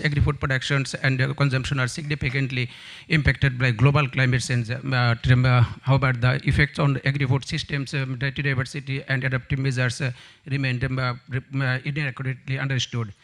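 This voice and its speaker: A man from Bangladesh giving a short research talk at a conference, halting and full of fillers. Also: mid-range voice, flat delivery, creaky. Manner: halting, many fillers and restarts. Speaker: conference presenter. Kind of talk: rapid-fire research presentation.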